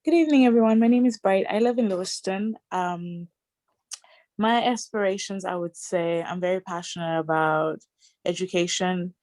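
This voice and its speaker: A woman's voice: fairly low pitch, moderate pace, a little mellow. A woman introducing herself on a video call in a polite, slightly formal way. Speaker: program coordinator.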